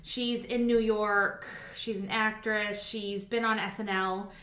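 A woman's voice: mid-range voice, fairly even intonation, slow pace, a bit bright. Chatty rambling woman in an echoey room. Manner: chatty, rambling storyteller with many fillers. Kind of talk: casual chat.

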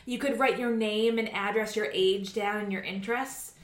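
A woman's voice: mid-range voice, fairly even intonation, moderate pace. A woman in her forties from New England, chatting casually and rambling through a story with lots of fillers. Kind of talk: casual chat. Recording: echoey room.

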